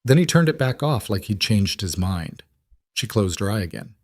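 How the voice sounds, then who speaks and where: Calm guy narrating a story, low voice, dry close mic. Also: moderate pace, dry recording.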